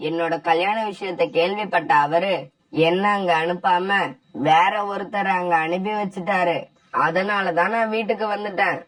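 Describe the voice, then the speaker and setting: A woman's voice: lowish voice, steady tone, normal speed, a bit bright, close to an everyday voice, low-quality recording. A woman voicing a kind, trusting young husband bird in a cartoon, with an affectionate, plain-spoken delivery. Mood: cheerful. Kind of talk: cartoon voice acting.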